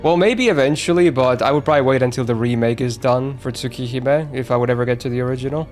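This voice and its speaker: A man's voice: medium pitch, quick pace, a little mellow, faint music behind. Casual young male game streamer. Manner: casual, joking, reacts with laughs. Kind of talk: gameplay commentary and reading game text aloud.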